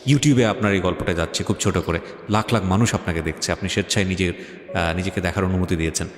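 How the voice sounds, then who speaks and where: A deep-voiced man with a Bangladeshi accent hosts a radio talk show, talking fast and giving advice in an insistent, argumentative, emphatic way while switching into English phrases. Faint music plays behind him amid echoey hall reverb.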